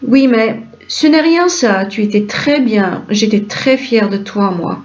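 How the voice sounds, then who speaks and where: A woman reading a stage play aloud and voicing all the roles, moving briskly through quick back-and-forth dialogue. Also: a little high, lively intonation. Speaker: reader of a play script. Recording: dull lo-fi recording.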